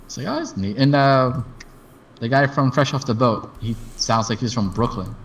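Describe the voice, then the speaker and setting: A man's voice: medium pitch, fairly even intonation, moderate pace, a little hiss or hum. A man from Texas with a general American accent, chatting casually and telling rambling stories with many restarts. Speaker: streamer host. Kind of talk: casual chat.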